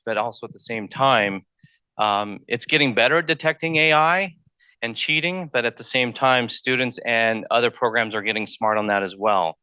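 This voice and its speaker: Chatty male college lecturer, bright tone. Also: fairly low pitch, clear, resonant tone, no room sound. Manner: conversational, thinks aloud, repeats words. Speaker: math lecturer. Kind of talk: public lecture. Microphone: handheld mic.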